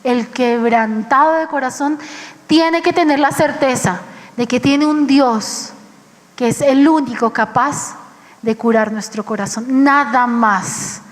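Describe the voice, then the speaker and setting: Preacher, Colombian woman, high voice, impassioned delivery, long echo of a church hall. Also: slow pace. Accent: Colombian Spanish. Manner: impassioned, acts out quoted voices. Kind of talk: sermon.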